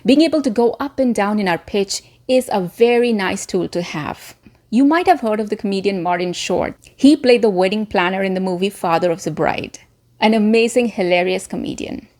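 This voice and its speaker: A former media presenter and voice coach hosts a scripted tutorial video, articulate and emphatic, posing rhetorical questions like a trained presenter. Her mid-range voice has a darkish tone and moves at normal speed.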